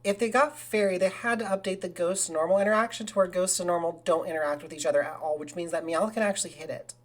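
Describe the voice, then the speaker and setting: A woman talking casually through a live game stream, with a voice sitting a bit low for a woman. She rambles along and now and then breaks into excited cheering. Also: quick pace. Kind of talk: casual live gaming commentary.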